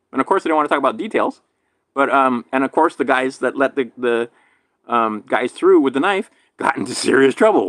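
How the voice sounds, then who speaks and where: A man from Hawaii with a slight lisp from a damaged tooth, rambling through a casual monologue, swinging between loud emphatic bursts and low mutters. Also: no echo. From island in Hawaii. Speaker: vlogger.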